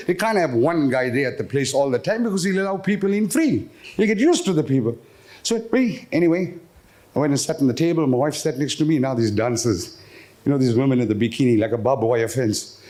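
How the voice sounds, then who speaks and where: A man's voice: medium pitch, fairly quick. A man with an Indian South African accent performs stand-up comedy live on stage, acting out dialogue as he tells stories and putting questions to the crowd. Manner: animated storyteller, acting out dialogue and questioning the audience. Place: live on stage at a gala dinner.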